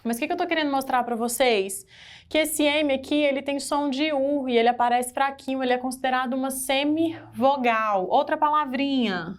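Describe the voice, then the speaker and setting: A woman's voice: sits high, moderate pace. A woman with a Brazilian Portuguese accent teaching an exam-prep grammar lesson, asking the class questions and stressing key words.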